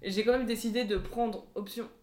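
A woman's voice: fairly high pitch, steady tone, a little fast, a little mellow. A young woman co-hosting a casual podcast chat with friends, teasing and laughing often. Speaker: podcast co-host.

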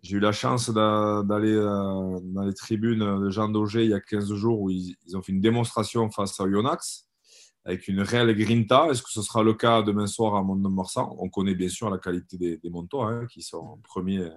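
A man's voice: on the low side, steady tone, normal speed. A man giving his opinions as a pundit in a casual sports discussion. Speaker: rugby pundit.

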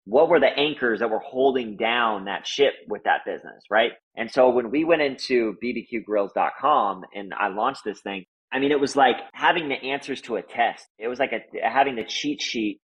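A man's voice: medium pitch, a bit bright, breathy edge, rough recording. A man telling his business founder story in a casual interview, earnest and loose, full of "like" and "right?".

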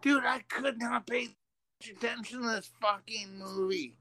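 A man's voice: very high voice, fairly even intonation, a little slow, pushed and bright. A man co-hosting a casual movie podcast, joking, profane and self-mocking. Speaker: podcast co-host.

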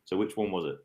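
A man hosts a relaxed online panel chat, reading out quiz questions at a measured pace. He ribs the other panelists between questions. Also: deep voice. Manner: reads quiz questions slowly, teases panel. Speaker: quiz host of a darts podcast.

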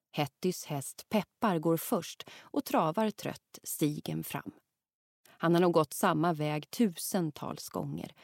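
Woman, children's audiobook narrator, animated storytelling, dry close sound. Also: lowish voice, no room sound. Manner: lively, acts out the characters' lines.

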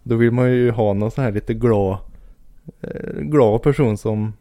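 A Swedish man co-hosting a casual chat, easygoing and quick to agree. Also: mid-range voice, warm tone, no room sound, clean studio sound. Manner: easygoing, short agreeing replies. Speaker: podcast co-host.

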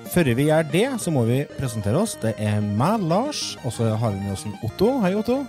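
A man's voice: medium pitch, big pitch swings, over music. A man of forty presenting a podcast in a casual, chatty style. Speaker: podcast host.

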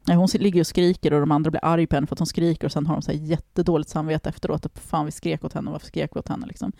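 Gravelly woman telling a story animatedly. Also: low-pitched, no echo, studio quality. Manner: animated, swearing, acts out quoted people. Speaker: podcast host telling a story. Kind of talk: casual storytelling chat.

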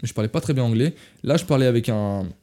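Quick and expressive, with a warm, medium-pitched voice, a young French man shares travel anecdotes in a loose, wandering podcast. He restarts sentences, corrects himself, and addresses his listeners as "les gars."

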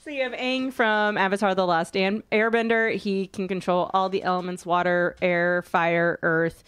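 A woman's voice: mid-range voice, fairly even intonation, a bit bright, clean tone. A woman co-hosting a casual chat, arguing her picks with strong opinions. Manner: opinionated, quick to argue. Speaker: co-host. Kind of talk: casual chat about fictional matchups.

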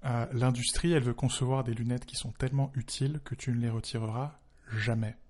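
A man's voice: medium pitch, fairly even intonation, fairly quick, darkish tone. A man speaking as a tech journalist in a conversational commentary, emphatic and wry. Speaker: tech journalist, podcast co-host.

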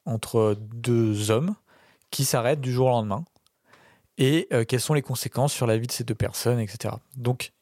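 A man's voice: medium pitch, normal speed, a little mellow, no room sound, clean studio sound. Hesitant young man, casual podcast chat. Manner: hesitant, many fillers and restarts. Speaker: podcast panelist defending a film.

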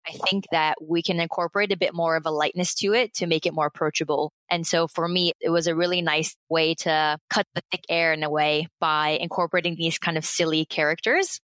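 An American woman in her late thirties talks as a podcast guest, upbeat and chatty, quick to laugh. Her voice sits a little low. The sound is close and dry, with no room around it. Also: fairly bright tone, clean tone, no echo. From United States. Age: late 30s. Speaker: guest, founder of a play consultancy. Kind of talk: casual interview chat.

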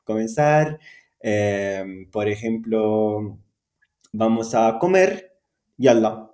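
Slow, mellow-voiced man, native Arabic speaker. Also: lowish voice, lively intonation, reverberant. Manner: hesitant, many fillers, laughs often. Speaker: Arabic teacher guest. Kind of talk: conversational interview.

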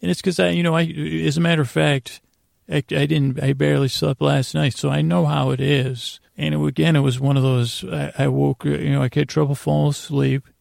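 Meandering through a sleep podcast monologue at bedtime, a man talks in a fairly high, gravelly and creaky voice, trailing off, pausing and circling back. His humor is deadpan, goofy nonsense. The audio is clean studio sound with no echo.

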